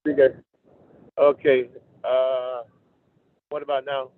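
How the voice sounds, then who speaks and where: Delegate, male, on a tinny, choppy video call that keeps cutting out; halting, broken-off lines, mid-range voice. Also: mid-range voice, flat delivery, no room sound. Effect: video call audio breaking up and cutting out. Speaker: council delegate joining remotely. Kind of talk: formal meeting remarks.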